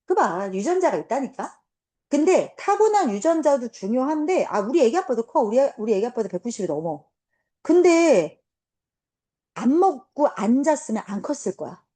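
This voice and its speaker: A woman teacher in her forties telling a class a blunt, animated story, swearing now and then. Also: sits high, normal speed. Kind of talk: casual classroom talk.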